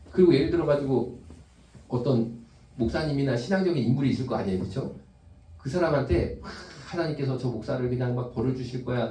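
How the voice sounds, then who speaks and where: A pastor preaches to his congregation in a relaxed, conversational way and often puts questions to the people in the pews. His voice is mellow and sits at a middle pitch. He is heard from some distance in an echoey church sanctuary. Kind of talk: sermon.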